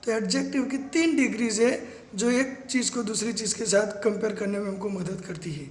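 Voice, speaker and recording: Man, grammar teacher, very high-pitched, reverberant room, step-by-step explanation. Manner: explains step by step, spells words letter by letter; mixes slow English definitions into quick explanations. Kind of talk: classroom-style grammar lesson.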